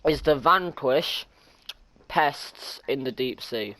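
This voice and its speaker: A man's voice: mid-range voice, takes it slowly, pushed and bright. A man running a tabletop game with friends, laughing often and joking around. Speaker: game master.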